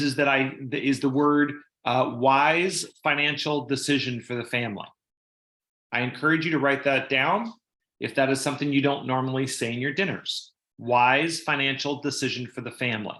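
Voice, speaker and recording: A man's voice: mid-range voice, moderate pace, bright, forceful tone, reverberant. A man giving sales training on a video call, talking casually and repeating himself as he acts out customers.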